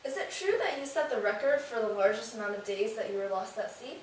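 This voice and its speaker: A woman's voice: fairly high pitch, expressive, fast talker, natural voice. A woman playing a curious interviewer who asks eager, impressed questions. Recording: very echoey, distant, noisy room.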